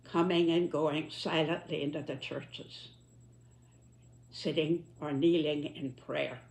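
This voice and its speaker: A woman in her nineties gives a reflective spoken commentary, solemn and deliberate, with emphatic phrasing. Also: low voice, creaky. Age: 90s. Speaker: elderly commentator reflecting on history and politics.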